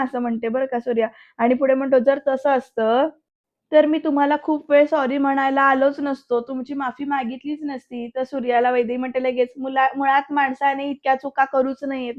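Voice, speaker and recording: A woman's voice: high voice, dull audio. A woman narrating a voice-over recap of a TV serial episode. She talks straight to the viewers and reads the characters' lines aloud, mostly plainly. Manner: retells scenes, addressing viewers directly.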